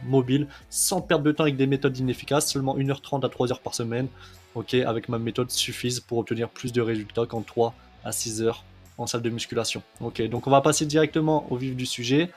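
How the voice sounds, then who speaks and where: A man's voice: mid-range voice, steady tone, fast, faint music behind. A man coaching on kettlebell training in a casual video lesson, chatty, with many fillers, often checking in with "ok?".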